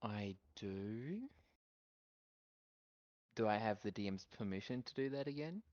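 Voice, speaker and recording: Male tabletop player, hesitant, friendly, halting role-play, dull dry lo-fi mic. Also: lowish voice, lively intonation, darkish tone, dry recording. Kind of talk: casual in-character role-play chat.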